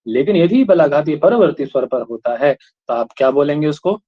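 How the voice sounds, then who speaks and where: A man's voice: fairly high pitch, animated, normal speed. A male teacher giving a classroom lecture, asking students questions again and again and checking that they follow. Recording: dull lo-fi recording.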